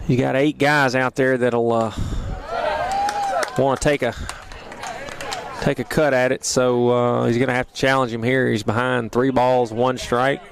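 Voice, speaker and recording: Over outdoor ballpark crowd noise, a man with a medium-pitched, creaky voice gives unhurried play-by-play of a school baseball game. He's relaxed and rambling, and he openly roots for the home team.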